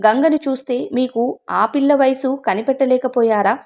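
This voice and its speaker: Firm, questioning woman lawyer, put on by a woman narrator with a higher voice. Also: normal speed, a little mellow.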